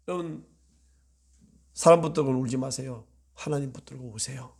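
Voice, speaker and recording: A male pastor delivering a sermon in a high, gravelly voice. His pitch leaps and dips constantly as he presses his points. He acts out prayers, moving from raised urgency to hushed pleading. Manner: animated preaching, acts out prayers with swings from loud to hushed.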